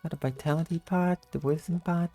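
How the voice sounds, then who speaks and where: A woman with a low-energy, just-woke-up morning voice giving a casual gameplay tutorial in commentary style. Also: fairly even intonation, brisk, mellow, soft background music. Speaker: video game guide narrator.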